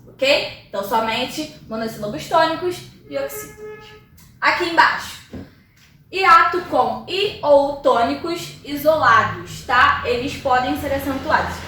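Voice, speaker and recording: A woman with a high voice walks through a grammar rule one step at a time, checking in with her listeners as she goes. She is recorded from a distance in a very echoey room with faint background hiss. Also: pushed and bright. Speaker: teacher. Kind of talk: grammar lesson at a whiteboard. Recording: very echoey room, voice far from mic.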